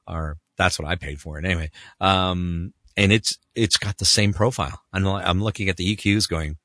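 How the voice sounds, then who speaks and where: A man who voices characters, telling animated anecdotes and acting out other people's voices. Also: moderate pace, dry recording, studio quality. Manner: acts out other people's voices with big pitch jumps. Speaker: voice actor guest.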